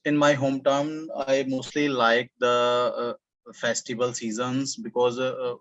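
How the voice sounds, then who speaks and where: A man from Punjab, India, with an Indian accent, answering practice questions over a video call with many pauses and fillers. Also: medium pitch, level tone, a bit bright, dry recording. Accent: Indian English. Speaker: student. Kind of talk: speaking-test practice answers. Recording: dull lo-fi call audio.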